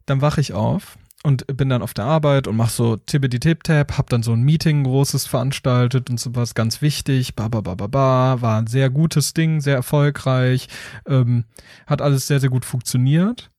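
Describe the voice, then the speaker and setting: A man hosting a casual podcast, telling a story with lively acted-out voices of phone agents and a robotic menu. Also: mid-range voice, moderate pace, dry recording, studio quality.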